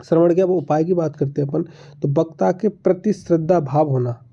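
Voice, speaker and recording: A man's voice: fairly high pitch, normal speed, vocal fry, warm tone. A man, teaching an exam-prep lesson. He explains each point, then asks his own questions and answers them. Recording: dull lo-fi audio.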